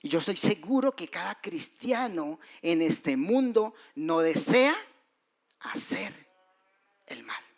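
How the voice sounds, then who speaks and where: A man preaching a sermon, moving between loud rises and soft, hushed drops. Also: high-pitched, very animated, takes it slowly. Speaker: pastor.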